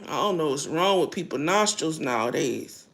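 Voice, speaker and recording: A woman's voice: sits low, expressive, moderate pace, gravelly, a bit bright. A middle-aged American woman chatting casually and bluntly in a rambling vlog while she eats, her mouth sometimes full. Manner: blunt, earthy. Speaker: vlogger.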